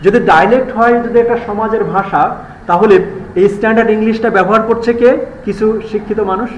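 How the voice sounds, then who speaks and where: A man's voice: high-pitched, fairly even intonation, a little hiss or hum. Bangladeshi male lecturer in an echoey classroom. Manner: switches between rapid Bengali explanations and slow, deliberate English reading. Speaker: university lecturer. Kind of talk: live classroom lecture mixing Bengali and English. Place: university classroom.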